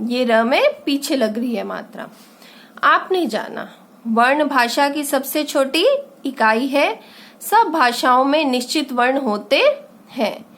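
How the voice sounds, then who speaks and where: A woman's voice: high-pitched, a bit bright. A woman teaching a children's grammar lesson, asking questions and answering them herself. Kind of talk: grade-three Hindi grammar lesson.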